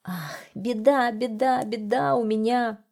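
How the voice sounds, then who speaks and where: A woman voicing a worried lake in a storybook, lamenting loudly. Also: a little high, big pitch swings, takes it slowly, voice pushed up, exaggerated voice. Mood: fretful. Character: troubled, fretful lake.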